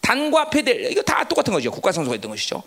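A pastor preaching a sermon who keeps prodding listeners for replies and swings between shouting and hushed asides in church. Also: mid-range voice, wildly swooping pitch, racing.

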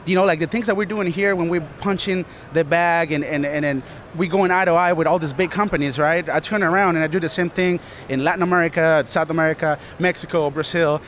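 A man's voice: on the high side, fairly even intonation, brisk, fairly bright tone, a little hiss or hum. A man from Colombia answering interview questions earnestly, rambling with many "you know"s. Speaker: studio manager, guest.

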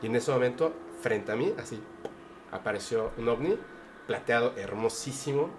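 With lively intonation and a medium pitch, this man speaks at a moderate pace over a little hiss or hum. He's a guest on a podcast, casually recounting a personal story in a Mexican Spanish accent, earnest yet hesitant, with many fillers and restarts.

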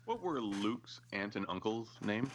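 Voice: medium pitch, animated, measured pace, over a noisy crowd. A quizmaster in a casual trivia chat, playful and joking. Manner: playful, joking, self-aware.

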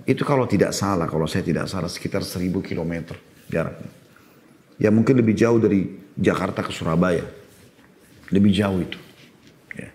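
A man's voice: low-pitched, a little fast, pauses often, darkish tone. A middle-aged man preaching a sermon, earnest and explanatory, with emphatic bursts and quoted Arabic phrases. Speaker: Islamic preacher.

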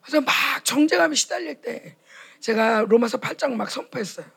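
High, husky woman preaching passionately. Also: animated, brisk. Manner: impassioned, acts out quoted dialogues. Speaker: speaker at a retreat for pastors' wives. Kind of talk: sermon.

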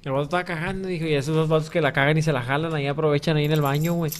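A man's voice: fairly high pitch, fairly even intonation, very fast. Male panelist, rattles off a long rambling joke at top speed. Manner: rambling joke full of filler slang. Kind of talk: casual comedy chat.

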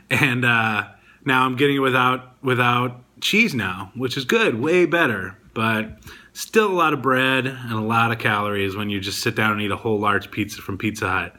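A man talks straight to his audience in a loose, chatty vlog style. He rambles and fills pauses with ums. His voice sits at an ordinary pitch and has a bright, forward tone. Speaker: podcast and video host. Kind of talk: casual diet vlog talk.

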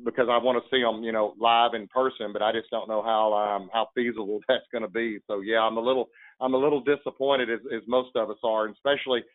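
A man's voice: mid-range voice, little pitch movement, fast talker, no echo. Man talking sports over a tinny phone line. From Texas. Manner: chatty, rambling with restarts. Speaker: guest fan commentator. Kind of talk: casual sports chat.

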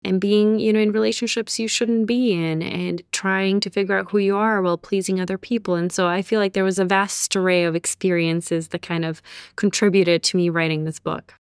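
An author and therapist, born in Bosnia and raised in Serbia and Canada, where she later moved, appears as an interview guest. She talks articulately and reflectively, using everyday examples. Her mid-range voice is clear and resonant, fairly even in intonation and a little fast, recorded in studio quality with no echo.

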